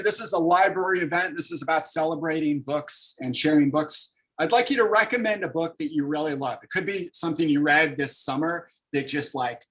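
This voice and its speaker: A thirties man's voice sits on the high side and sounds a bit bright, though the recording is rough. He's a comics artist running an online library workshop over a video call, chatting casually and upbeat with plenty of fillers.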